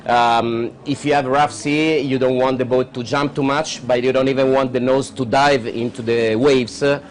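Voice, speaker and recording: Speaking at a normal speed in a mid-range voice with fairly even intonation, this male co-commentator on a live boat race goes into technical points at length. His explanatory delivery is full of hesitations, "uh" fillers and non-native phrasing.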